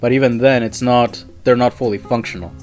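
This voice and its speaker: A man co-hosting a podcast in casual chat, animated and quick to laugh, often trailing off mid-sentence. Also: mid-range voice, soft background music. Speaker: podcast co-host.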